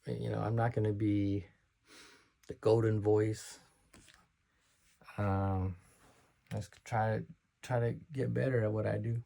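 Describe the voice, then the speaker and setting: A man's voice: fairly low pitch, level tone, slow, vocal fry, pauses often, warm tone. A man talking unscripted to camera as a vlogger, hesitant and self-conscious, with many restarts and slurred words. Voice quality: slurs his words.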